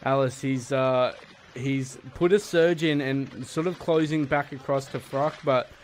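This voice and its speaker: A man giving live play-by-play sports commentary, building to excited calls at the finish. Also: medium pitch, a little slow, a little hiss or hum.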